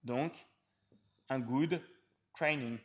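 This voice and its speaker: A man's voice: medium pitch, very slow. A man, a fitness coach explaining training to the viewer in an informal, emphatic way, stretching key words.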